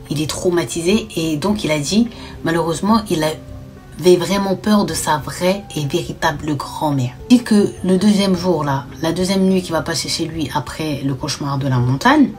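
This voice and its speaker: A young woman telling a spooky true story in a chatty, animated way, dropping into whispers at the tense parts. Her voice sits on the lower side for a woman. Soft music plays underneath. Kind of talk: casual horror storytime narration.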